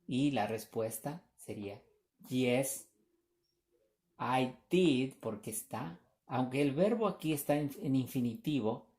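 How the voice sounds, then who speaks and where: Slow, mellow-voiced patient language teacher. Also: mid-range voice. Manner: patient, repeats examples, checks in with students. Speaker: English teacher. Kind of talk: recorded grammar lesson.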